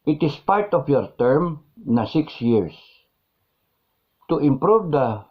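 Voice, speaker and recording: Indignant Filipino-accented man, lively pitch. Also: takes it slowly, slightly rough. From Philippines. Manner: indignant, mixes Tagalog and English, repeats phrases for emphasis. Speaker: vlog host. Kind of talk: live-stream commentary reading viewer comments. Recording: dull lo-fi sound.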